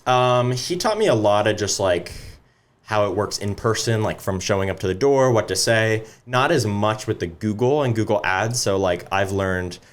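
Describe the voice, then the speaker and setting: A young man speaking as a guest in a casual interview, in a relaxed way with many ums and likes. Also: fairly low pitch, moderate pace. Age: young adult. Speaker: guest business owner.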